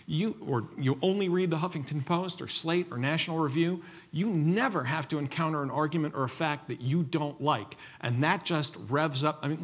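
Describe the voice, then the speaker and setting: A man's voice: a little high, fairly bright tone. A man speaking as a panelist, thinking aloud with frequent restarts and stammered openings. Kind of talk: panel discussion answer.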